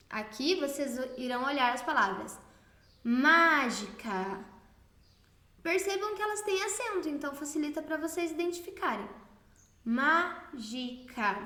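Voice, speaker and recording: A Brazilian woman teacher giving a recorded lesson to children, speaking slowly and stressing syllables clearly. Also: high-pitched, a bit bright, roomy sound. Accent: Brazilian Portuguese.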